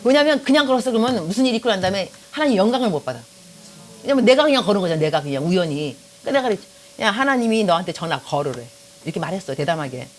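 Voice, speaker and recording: Her voice sits in the mid-range and moves very fast as this middle-aged Korean woman preaches. A pastor from South Korea, she jokes, tells animated stories and talks right to the people in the pews.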